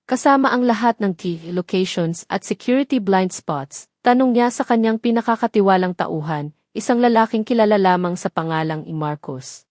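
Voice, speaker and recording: Reading a scripted dramatic story as its narrator, a Filipino-accented woman uses a mid-range voice with a darkish tone. There's no room sound, just clean studio audio.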